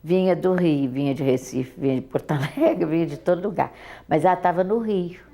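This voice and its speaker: An older woman with a Brazilian accent recalls her daughter in an oral history interview, halting and often repeating words. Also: sits low, warm tone.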